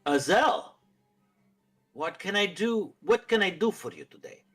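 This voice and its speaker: A grand male djinn with a thick, put-on foreign accent, as a man voices him. He speaks far higher than the game master's own voice and swings his pitch widely. His speech is unhurried and courtly. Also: wildly swooping pitch, fairly bright tone, breathy edge, faint music behind, heavily acted. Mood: smooth, welcoming. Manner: attempted Middle Eastern accent heard as Russian. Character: grand bronze-skinned male djinn host. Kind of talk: tabletop game character voice.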